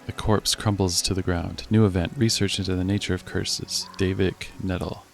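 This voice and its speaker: Deep, gravelly gamer reading menus aloud. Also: male voice, level tone, moderate pace, faint music behind. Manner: reads game text aloud, thinks out loud with fillers. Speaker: let's play host. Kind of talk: casual video game commentary.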